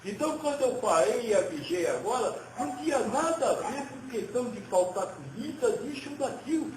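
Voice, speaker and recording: Médium homem, voz alta, ensinamento espiritual lento e vacilante, sala com eco e leve ruído de fundo. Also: male voice, very high voice, big pitch swings, echoey room, slight background noise, poor audio. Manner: slow, hesitant, repeats words. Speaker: spirit medium giving a message. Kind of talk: channeled spiritual teaching.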